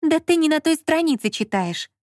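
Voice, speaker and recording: Бойкая насмешливая молодая женщина, которую озвучивает чтица звонко и напористо отчитывает собеседника, голос заметно выше и громче обычного. Запись сухая, без эха. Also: female voice, sits high, lively intonation, moderate pace, no room sound, studio quality, pitched above the performer's own voice. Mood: bossy. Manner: mocking, emphatic. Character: bossy sharp-tongued young woman, fussing.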